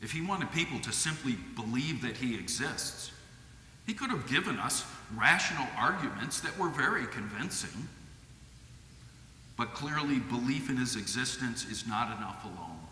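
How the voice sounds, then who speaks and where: A middle-aged lay preacher with a Midwestern American accent gives a sermon at a lectern microphone in a church sanctuary with stained glass, speaking in a measured, earnest way. His bright, medium-pitched voice has lively intonation and carries a long church reverb with a faint hum of ambience, typical of an echoey hall.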